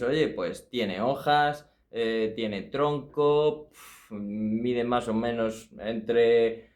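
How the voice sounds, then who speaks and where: A man talks to camera in a mid-pitched voice. He muses slowly through a philosophy topic, hesitant and thoughtful, often restarting and asking his listeners rhetorical questions. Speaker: channel host. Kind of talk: personal philosophy talk to camera.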